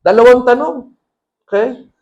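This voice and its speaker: A man's voice: very high-pitched, unhurried, a little mellow, highs cut off. A man with a Filipino accent preaching a sermon as pastor, mixing Tagalog and English and acting out quoted lines with a raised voice.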